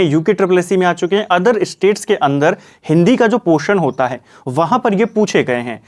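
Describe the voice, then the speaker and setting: A man's voice: high voice, a little mellow. A young man teaching an exam-prep grammar lesson, explaining step by step and often reminding students what to remember. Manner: explanatory, repeats "ठीक है" and "ये आपको याद रखना है".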